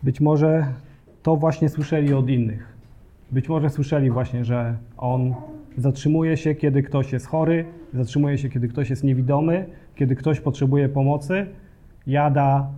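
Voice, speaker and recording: A man's voice: fairly high pitch, mellow. A man preaching a sermon, speaking earnestly and directly to the congregation with occasional hesitations.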